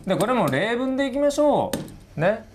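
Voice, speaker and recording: A middle-aged man giving a casual recorded lecture as a teacher, often checking in with the student and slowly sounding words out again and again. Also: very high-pitched, very animated, slight background noise. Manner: sounds words out slowly, stretching and repeating them. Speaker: English teacher.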